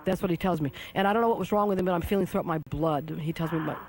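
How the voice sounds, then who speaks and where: A woman's voice: on the low side, rapid-fire, darkish tone. A woman psychic medium giving a client a reading in an intense, insistent, questioning way, like a mind reader.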